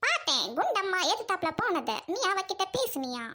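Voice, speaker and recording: Brief: woman as a bossy, dramatic young lover, Trichy Tamil accent, very high, swinging voice. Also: big pitch swings, fairly quick, bright, forceful tone, exaggerated voice. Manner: bossy, melodramatic, scolding. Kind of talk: comedy skit acting.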